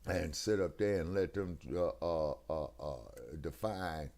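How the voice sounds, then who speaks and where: A man with a deep, low-pitched voice, heard over a video call through a headset while the connection breaks up now and then. His manner is emphatic and preachy, and he keeps checking whether his listener follows. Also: unhurried, darkish tone. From United States. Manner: emphatic, preachy, keeps asking "you see what I'm saying?". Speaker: co-host of a talk stream. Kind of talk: casual political discussion.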